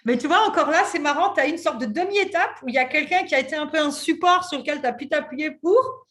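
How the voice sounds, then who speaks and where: A woman in her thirties hosting a podcast interview, talking in an animated, casual way with lots of fillers. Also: sits high, fairly quick. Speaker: podcast host and coach.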